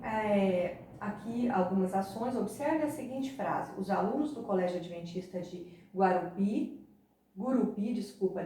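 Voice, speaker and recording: A woman teacher going through workbook exercises for her students in a patient way, often pausing to check in with them. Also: medium pitch, mellow, distant mic, slight background noise. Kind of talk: recorded remote lesson explaining exercises. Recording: very echoey room, voice from off the mic.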